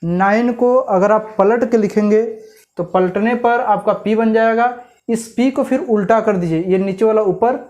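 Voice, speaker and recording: A man's voice: high voice, measured pace, a little mellow. Hindi teacher man asking rhetorical questions. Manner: repeats "clear?" and asks rhetorical questions. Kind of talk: explaining a memory trick lesson.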